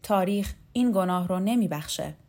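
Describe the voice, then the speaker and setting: A woman's voice: medium pitch, darkish tone, natural voice. A woman reader voicing an earnest, indignant young man who accuses and defends ideals in an audiobook. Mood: accusing.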